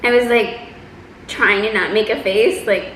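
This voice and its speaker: A woman telling a personal story in a casual, chatty, animated way, acting out quotes as she goes. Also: medium pitch, unhurried. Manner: animated, exaggerating delivery with acted-out quotes. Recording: roomy echo, faint background noise.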